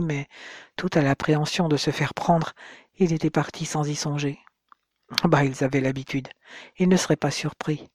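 Measured audiobook narrator, dry sound. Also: mid-range voice, no room sound. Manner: steady, measured storytelling with slowed suspense moments. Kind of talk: scripted novel narration.

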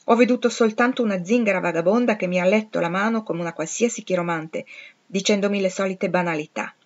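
A woman's voice: mid-range voice, quick pace, muffled recording, natural voice. A woman voicing a haughty, imperious young society woman who is curt and disdainful.

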